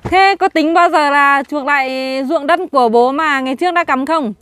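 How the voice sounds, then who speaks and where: A woman's voice: high-pitched, normal speed, a bit bright, no room sound. A young woman vlogger chatting on a family video call, coaxing with short repeated questions and lots of fillers. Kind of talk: casual chat.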